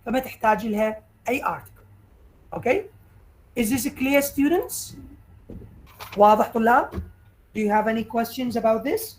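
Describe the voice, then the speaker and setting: A woman with an Iraqi Arabic accent teaching English vocabulary in a recorded lecture, speaking English slowly and deliberately and explaining in quicker Arabic, with frequent hesitations. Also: fairly high pitch, poor audio.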